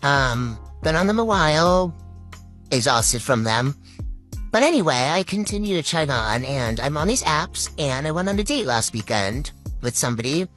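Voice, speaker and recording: Brief: 30s woman, voice pitch-shifted very deep, halting storyteller with lively intonation and faint music behind. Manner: halting, with frequent "um" pauses. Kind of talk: casual storytelling to viewers.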